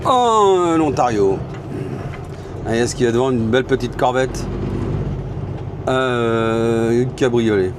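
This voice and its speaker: A man's voice: medium pitch, lively intonation, slow pace, long pauses. A man from France with a French accent, a truck driver vlogging casually from his cab and chatting to his viewers. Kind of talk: casual vlog while driving. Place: inside a truck cab on the road. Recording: road noise behind. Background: engine and road noise.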